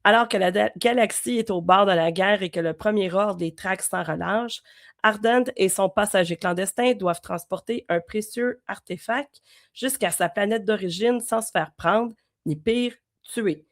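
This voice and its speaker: A woman's voice: medium pitch, moderate pace. A woman with a Québécois French accent co-hosting a podcast, chatting with short replies and reading a summary aloud with care. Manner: brief agreeing replies, careful reading. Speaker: podcast co-host. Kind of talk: casual chat and reading aloud.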